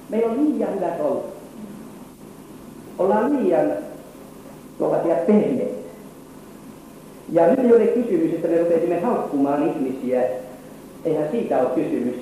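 Guy preaching a fiery sermon, kinda high voice, big echoey church, far off mic. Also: dark tone, a little hiss or hum. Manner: fervent preaching with rising and falling intensity. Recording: echoey hall recorded from afar.

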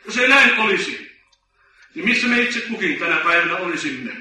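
A man preaching a sermon, slow and emphatic, telling stories with dramatic weight. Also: high-pitched, expressive, bright, forceful tone. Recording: echoey hall from far off.

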